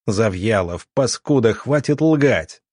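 A man voicing a young male country doctor who accuses sharply and deliberately, full of righteous anger. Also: mid-range voice, lively intonation, a little mellow, no echo, clean studio sound, natural voice. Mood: furious.

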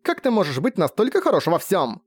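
A man voicing a furious, tearful young woman mage who shouts in anguished outbursts while crying. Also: sits high, wildly swooping pitch, a little fast, husky, pitched above the performer's own voice, full character voice. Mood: tearful fury.

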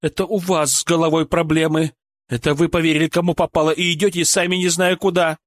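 A man's voice: on the high side, level tone, fast, dry recording, clean studio sound, voice pushed up, lightly acted. A man reading an audiobook, voicing an angry, bitter woman, a former shop clerk and mother, who hurls accusations and insults. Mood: bitter, furious. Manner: harsh, accusing, shouting insults.

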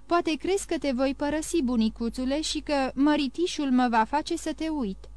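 A loving young granddaughter, anxious and tender, pleading as she asks question after question, as a woman reads her in an audiobook. Her voice sits high and lifts higher with worry. The recording is close and dry. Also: a little mellow, no echo, lightly acted. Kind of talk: audiobook reading.

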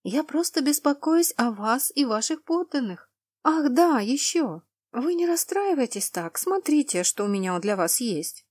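A woman's voice: mid-range voice, sing-song, moderate pace, darkish tone, no echo, clean studio sound. A woman voicing a cheeky young noblewoman who talks in a sweetly mocking, sighing way.

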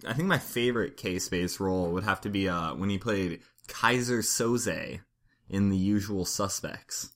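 A young man from Brooklyn co-hosting a podcast, cracking deadpan jokes in casual chat. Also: low-pitched, measured pace. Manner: jokey, deadpan. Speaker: podcast co-host.

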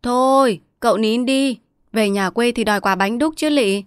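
A woman storyteller voicing an irritated neighbor woman calling over the fence to hush a crying child. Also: mid-range voice, fairly quick, smooth, no echo, studio quality, natural voice. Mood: impatient. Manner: loud, scolding.

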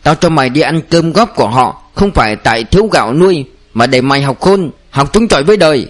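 Storybook part: a man playing a stern village blacksmith father, gruff and commanding. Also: on the high side, animated, fast.

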